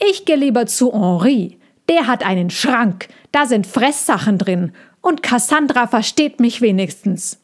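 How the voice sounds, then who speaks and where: A woman reading a storybook aloud, voicing a small, cheeky and touchy boy tiger cub in a high, bright voice that pleads or hisses. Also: measured pace. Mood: sulky.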